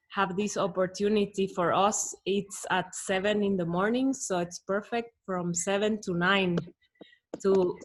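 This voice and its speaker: A woman on a video call greeting a group, slow and unhurried. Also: lowish voice. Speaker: community member.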